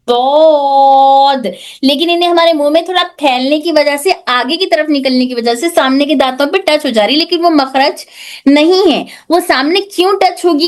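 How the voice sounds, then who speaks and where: Brief: female tajweed teacher, high voice, patient drilling of sounds. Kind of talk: online class lesson.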